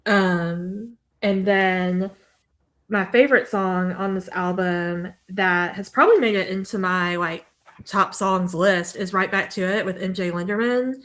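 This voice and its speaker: A woman co-hosting a music podcast, talking through album picks in a relaxed, easygoing way. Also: mid-range voice, unhurried. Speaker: podcast co-host. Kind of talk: casual chat about music.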